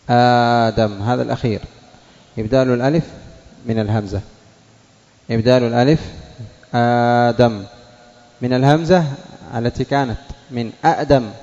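A man teaching a classroom lesson on word forms, sounding out each example slowly and quizzing students by name. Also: mid-range voice, dark tone. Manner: drills words by saying the base form then the changed form, questions students by name. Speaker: teacher of Arabic morphology and Quran reading. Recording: dull lo-fi classroom recording with long reverb.

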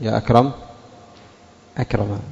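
A man teaching a grammar class, calling on students and repeating each example slowly. His voice is mellow and dark, and a long reverb hangs on it from the classroom. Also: on the low side, fairly even intonation, gravelly, lo-fi sound. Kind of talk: classroom lesson with questions to students.

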